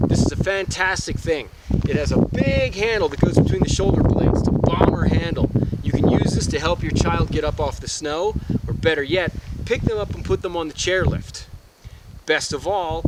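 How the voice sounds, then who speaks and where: A man with a voice a little on the high side explains things like a parent hosting a how-to video. He is wry and jokey as he instructs. Loud outdoor noise runs behind his voice. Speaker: presenter, parent giving a ski lesson. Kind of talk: instructional narration with dry humor.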